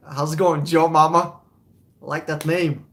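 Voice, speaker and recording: A young Russian man with a slightly high, somewhat bright voice hosts a casual livestream Q&A on buying cars, answering chat. As a car-buying advisor he's blunt, chuckling as he swears.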